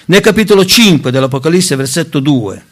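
A man's voice: on the high side, brisk. A man preaching a Bible teaching sermon, reading scripture aloud and stressing key words. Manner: emphatic, rising on key words, lively intonation; addresses listeners as brothers, reads scripture aloud.

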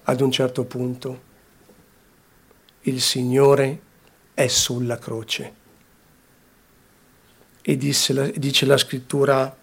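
A man preaching a sermon, slowly and deliberately, repeating phrases and swinging between hushed and raised delivery. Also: mid-range voice, flat delivery, creaky, husky.

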